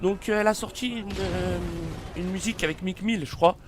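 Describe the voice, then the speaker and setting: A man's voice: high-pitched, steady tone, fairly quick. Hesitant young man reading celebrity facts. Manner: hesitant, many fillers and restarts, apologetic. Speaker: YouTuber presenting a celebrity biography. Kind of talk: casual read-aloud commentary. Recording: faint background noise.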